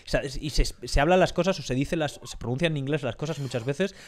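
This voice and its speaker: A man's voice: a little high, brisk. Rambling Spanish man hosting a podcast. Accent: Spain Spanish. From Spain. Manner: rambling, many restarts and fillers. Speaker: podcast host. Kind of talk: casual podcast chat.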